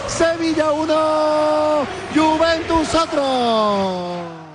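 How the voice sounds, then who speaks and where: A man's voice: very high-pitched, very slow. A male football commentator from delivering breakneck, ecstatic goal commentary. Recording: roaring stadium crowd, noisy broadcast clip.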